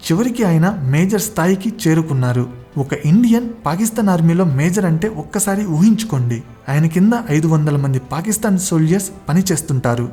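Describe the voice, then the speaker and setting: Mellow-voiced dramatic story narrator. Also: medium pitch. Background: faint background music.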